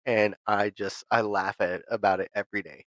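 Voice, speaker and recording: A young man co-hosting a casual podcast, talking in a relaxed way with many fillers and laughs. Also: fairly low pitch, normal speed, no room sound. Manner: easygoing, filler-heavy, laughs often. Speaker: podcast co-host. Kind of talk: casual chat.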